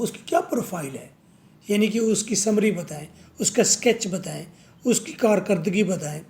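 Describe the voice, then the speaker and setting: Slow, drilling male vocabulary teacher. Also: high voice, a little mellow. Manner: slow, repetitive drilling of words, asks and answers his own questions. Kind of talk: vocabulary lesson.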